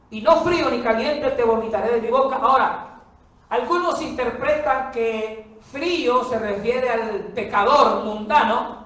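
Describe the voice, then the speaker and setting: A woman preaching a sermon, emphatic and full of rhetorical questions to the congregation. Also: fairly high pitch. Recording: very echoey hall, far from the mic.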